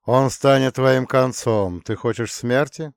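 A man voicing a cold, menacing male spirit of death, speaking slowly and ominously in a storybook. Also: medium pitch, gravelly, smooth, no echo, clean studio sound, pitched above the performer's own voice.

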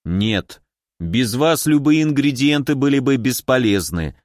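A man voicing a calm, grave male necromancer who speaks low and measured. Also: no room sound, clean studio sound, natural voice.

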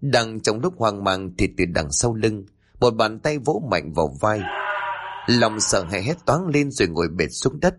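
A man's voice: lowish voice, sing-song, measured pace, noisy background. Dramatic male horror narrator. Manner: dramatic, tense. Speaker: storyteller. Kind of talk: spoken horror story narration.

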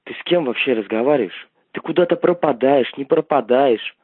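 Over a tinny, dry landline, a man with a medium-pitched, brisk, animated voice and a breathy edge answers a call. He is blunt and insistent, repeating the same point again and again.

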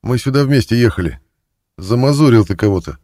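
A man voicing a brash, streetwise male thief in prison who talks loud and demanding. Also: medium pitch, expressive, brisk, pitched above the performer's own voice, natural voice. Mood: cocky.

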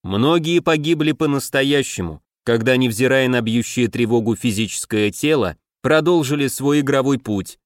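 A man voicing a calm, commanding half-orc king and captain in an audiobook. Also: medium pitch, moderate pace, few pauses, dry recording, clean studio sound, natural voice. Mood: grave.

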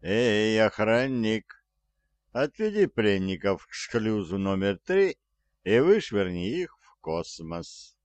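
A man voicing a pompous, cruel alien ship captain who writes poetry, speaking slowly and haughtily. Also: on the low side, very animated, dry recording. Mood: mocking.

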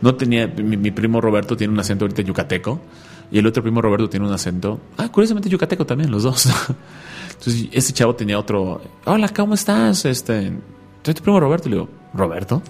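A man's voice: fairly low pitch, expressive, fast talker, darkish tone, faint music behind. A man hosting a radio talk show, chatting and telling stories with a joking manner. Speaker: radio host. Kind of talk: casual radio chat.

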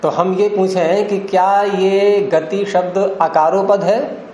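Man, teacher, slightly high voice, patient step-by-step explaining, echoey room. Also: flat delivery, takes it slowly, warm tone. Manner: explains step by step, quizzes students. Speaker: teacher of Nyaya philosophy. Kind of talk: classroom lecture with questions to students. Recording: echoey room with faint hiss.

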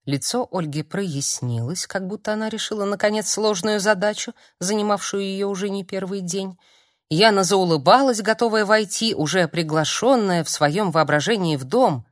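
A woman narrating an audiobook in a calm, measured reading. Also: medium pitch, no room sound, studio quality. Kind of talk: scripted narration.

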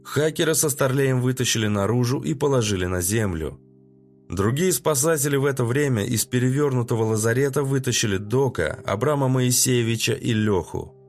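A man narrates an audiobook in a steady, even reading voice at a medium pitch. Faint music plays softly in the background. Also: brisk.

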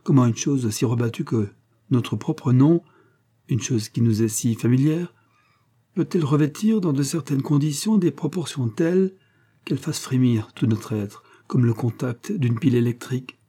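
A man's voice: mid-range voice, moderate pace, warm tone, husky, pitched above the performer's own voice, natural voice. A man reading aloud as an earnest, lovesick colonel, speaking with passion and gravity. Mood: passionate. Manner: passionate, grave.

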